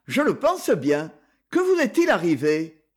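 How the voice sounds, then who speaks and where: A man's voice: high voice, huge pitch swings, a little slow, exaggerated voice. A man reading the part of a proud, hot-tempered chevalier hero who gives orders and threats. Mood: curious. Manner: commanding, menacing.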